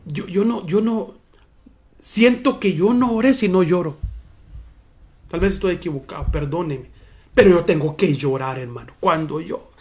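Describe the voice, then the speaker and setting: A man's voice: sits high, moderate pace, long pauses, a little mellow. A man preaching a sermon in church as pastor, earnest and personal, often calling his listeners brothers.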